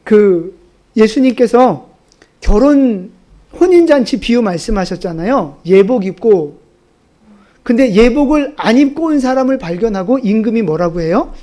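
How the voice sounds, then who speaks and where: High-voiced man preaching a sermon. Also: expressive, normal speed, mellow. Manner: questions the congregation, emphatic repetition. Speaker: pastor.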